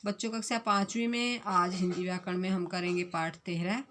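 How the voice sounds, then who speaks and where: A woman with a Punjabi accent and a lowish, fairly bright voice keeps a level tone while teaching fifth-grade Hindi grammar online. She explains slowly and patiently, repeating herself and correcting words one at a time, with a little hiss or hum on the recording.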